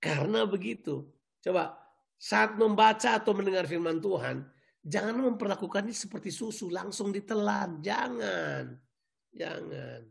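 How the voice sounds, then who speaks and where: A male pastor preaching a sermon in a lively, joking way, repeating key words back to the congregation. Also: high voice, normal speed, creaky.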